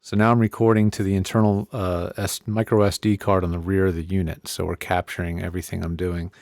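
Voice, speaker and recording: Quick and gravelly, this low-pitched man's voice is captured dry. A tech reviewer in his home studio, he walks through a relaxed tutorial, chatting into a desk-arm condenser mic and frequently counting off mic checks while a computer faintly hums.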